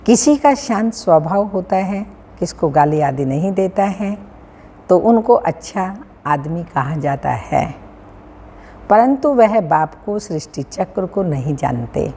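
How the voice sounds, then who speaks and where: A woman with a North Indian Hindi accent reading a daily spiritual discourse as a teacher, in a measured, sing-song recitation with pauses and frequent throat-clearing. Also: on the low side, big pitch swings, dark tone. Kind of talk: slow devotional reading of scripture. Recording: long hall reverb, faint room hum.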